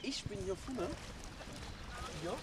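A man's voice: high-pitched, takes it slowly. A man playing an eager boy who rambles on explaining a dive, in a comedy sketch. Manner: rambling, keeps saying "sozusagen". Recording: distant with loud noise.

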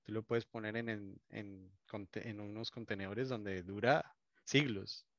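Low-voiced Colombian man, muffled and dry. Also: fairly even intonation, a little slow, no room sound. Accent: Colombian Spanish. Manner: warm storytelling, many restarts. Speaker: wedding videographer guest. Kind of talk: casual interview chat.

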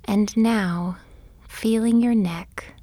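A woman guiding a bedtime body-scan meditation, speaking softly and gently, often in a whisper. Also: medium pitch, steady tone, dry recording. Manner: soft, often whispered delivery; gentle, soothing and unhurried. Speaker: meditation guide.

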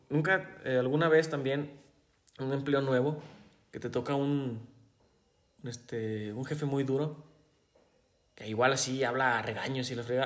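A man with a Jalisco Mexican accent, chatting casually and telling animated anecdotes, often laughing and acting out the voices of people in his stories. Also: medium pitch. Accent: Mexican Spanish, Jalisco. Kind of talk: casual conversation, storytelling.

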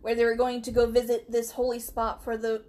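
High-voiced chatty woman. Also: monotone, a little fast, dark tone. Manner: chatty, laughing, acts out quotes. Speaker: podcast co-host. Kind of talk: casual storytelling chat.

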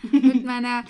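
A woman's voice: a little high, mellow. A woman around thirty telling a story on a casual podcast, swearing casually and laughing often. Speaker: podcast co-host.

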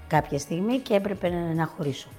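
A middle-aged woman talks as a guest on a casual chat show. She tells her story in a lively, laughing way, her voice rising and falling a great deal. Soft music plays faintly behind her. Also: lowish voice.

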